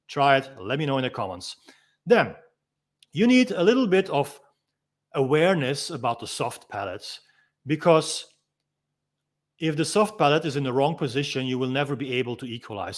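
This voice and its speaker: A man teaching as a freediving instructor, patiently explaining step by step and demonstrating the sounds himself. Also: a little high. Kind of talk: instructional walk-through.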